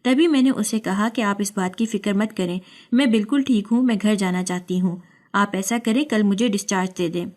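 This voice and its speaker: A woman's voice: mid-range voice, darkish tone. Woman narrating a dramatic story. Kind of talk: scripted first-person story narration.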